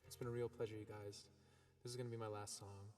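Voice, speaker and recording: A man's voice: on the low side, fast, faint music behind. A man, a singer-songwriter, chatting casually between songs on a live stream, his voice drenched in an echo effect that sounds like a big cave, rambling with lots of ums. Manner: rambling, relaxed, filled with ums and likes.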